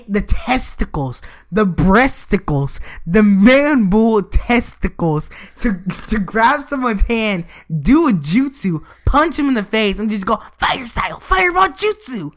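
A man's voice: high voice, a bit bright. Rambling, giggly young-sounding guy. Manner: rambling, giggly, self-interrupting. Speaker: podcast co-host. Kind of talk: casual chat.

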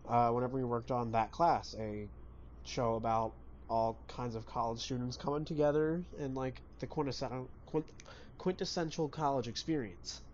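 A man's voice: mid-range voice, steady tone, moderate pace, a little mellow. Man co-hosting, dull lo-fi podcast sound. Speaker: podcast co-host. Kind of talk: casual chat. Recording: dull lo-fi sound, faint background noise.

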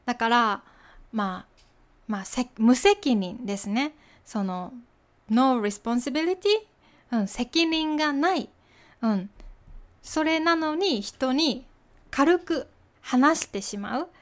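A woman hosting a Japanese lesson podcast, explaining words patiently with example sentences and many soft fillers. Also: sits high, lively intonation, takes it slowly, long pauses. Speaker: podcast host teaching Japanese.

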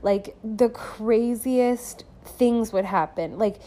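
A woman's voice: a little high, slow pace, warm tone. A young woman hosting a podcast and talking casually about her own experiences, with lots of fillers and frequent laughs. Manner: chatty, filler-heavy, laughs often. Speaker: podcast host and musician. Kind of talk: casual personal monologue.

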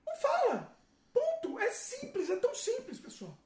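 A man's voice: very high voice, huge pitch swings, normal speed, heavy background noise. A man with a Brazilian accent hosting a casual panel chat, talking emphatically and often addressing the audience. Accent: Brazilian Portuguese. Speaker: host. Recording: roomy echo.

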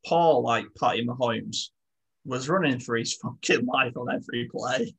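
A man's voice: medium pitch, moderate pace, vocal fry, a bit bright, breathy edge. A man co-hosting a casual sports podcast, blunt and sweary, often laughing. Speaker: podcast co-host.

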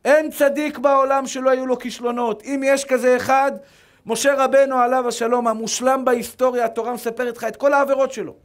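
A man's voice: very high voice, level tone. A middle-aged man, a rabbi, preaching a religious lesson with emphatic repetition. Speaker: rabbi giving a Torah lesson. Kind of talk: religious sermon.

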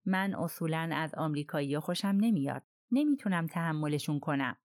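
A woman's voice: low-pitched, lively intonation, a little mellow, dry recording, clean studio sound. Woman reading a curt, cold English colonel. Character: reserved stiff English army colonel, man.

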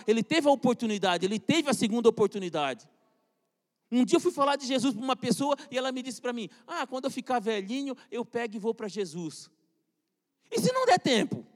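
A man preaching a sermon with fervent emphasis that rises and falls. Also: very high-pitched. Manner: fervent, rising and falling emphasis. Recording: long hall reverb.

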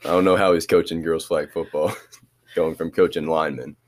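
A man's voice: extremely low pitch, flat delivery, moderate pace, darkish tone. A teenage boy athlete answering interview questions in an easygoing, hesitant way, with many restarts. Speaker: student athlete.

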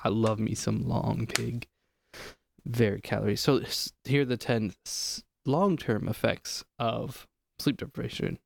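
A man's voice: medium pitch, steady tone, unhurried, gravelly. A man hosting a podcast in casual chat, reading lists aloud with joking asides. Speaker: podcast host.

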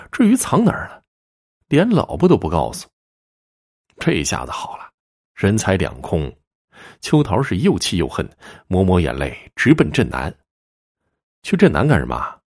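A man narrating a spooky folk tale in a lively, drawling storytelling manner. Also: deep voice.

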